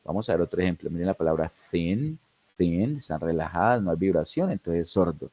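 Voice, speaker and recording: A man's voice: low-pitched, lively intonation, a little fast, warm tone, slightly rough, muffled recording. A man tutoring pronunciation in a language lesson, guiding learners step by step with frequent check-ins and words spoken. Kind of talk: online lesson narration.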